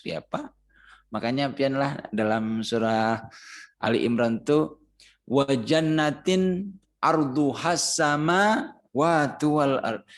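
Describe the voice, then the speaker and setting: A male Quran teacher with a Banjar Indonesian accent, leading a Ramadan recitation class at an unhurried pace. His voice sits at an ordinary middle pitch. He patiently chants verses as examples and puts questions to his students.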